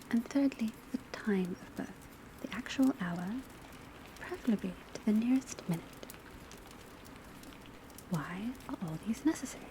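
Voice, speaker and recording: An ASMR roleplay performer voices a composed, formal witch school teacher giving a classroom lecture in a medium pitch. Her delivery is soft, breathy, often whispery, measured and precise. Steady rain on the roof, a crackling fireplace and pencil writing fill the background.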